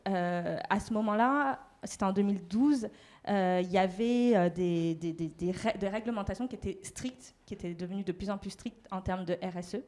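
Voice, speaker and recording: A woman's voice: mid-range voice, moderate pace, a little mellow. A woman speaking live at a panel, holding the mic and telling her own path, hesitant with many fillers. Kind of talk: live talk to an audience.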